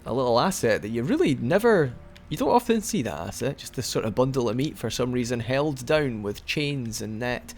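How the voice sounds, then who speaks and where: Speaking at a normal speed with few pauses, a young let's play commentator talks through his game in a chatty, rambling manner. He restarts frequently and hiccups occasionally. His medium-pitched voice swings widely, and slight background noise is present.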